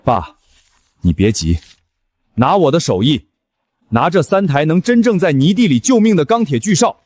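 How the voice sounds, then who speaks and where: A man's voice: fairly high pitch, normal speed. A man voicing a principled farmer who talks firmly and steadily. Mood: resolute. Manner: firm, steady. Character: stubborn farmer and machine operator, principled. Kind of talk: drama voice acting.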